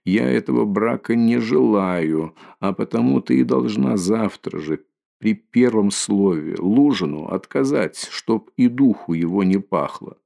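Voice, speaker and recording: A man's voice: on the low side, expressive, a little slow, creaky, mellow, heavily acted. A man voicing a feverish, exhausted young man who speaks in strained, curt insistence.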